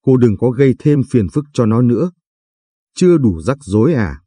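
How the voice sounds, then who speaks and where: Older grandmother, sharp-tongued, protective, husky, dry close sound, a man doing her. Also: mid-range voice, big pitch swings, normal speed, no echo. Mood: scornful. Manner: scolding, hissing.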